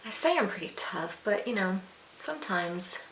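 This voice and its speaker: Chatting to viewers as she does her makeup, a woman in her forties rambles frankly with asides. Her mid-range voice is animated and fairly bright at a normal speed, and the recording has room echo and a faint hiss.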